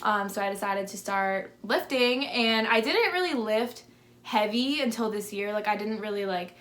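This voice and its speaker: Lively intonation marks this mid-range, slightly bright voice at normal speed. It belongs to a fitness vlogger in her twenties with a lisp who chats casually through viewer questions to camera, dropping "like" again and again.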